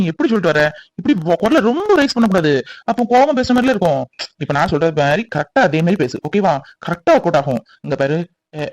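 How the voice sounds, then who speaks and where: Voiced by a cartoon performer, a scheming young man who coaches his friend in a bossy, know-it-all way. He talks fast, in a middle pitch, dry and close to the mic. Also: darkish tone, no echo, natural voice. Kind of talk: cartoon voice acting.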